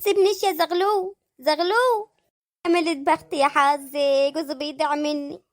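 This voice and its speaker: A high sped-up voice playing a jealous, nagging middle-aged wife and mother in a comic cartoon, with an Egyptian accent and a shrill, wailing manner. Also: racing, close to an everyday voice. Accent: Egyptian Arabic.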